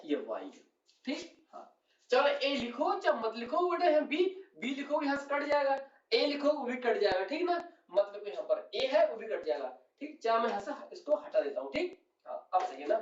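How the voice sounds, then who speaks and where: A male chemistry teacher giving a classroom lecture, calling his students "beta" and checking often that they follow. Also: very high voice. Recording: roomy, distant, dull lo-fi sound.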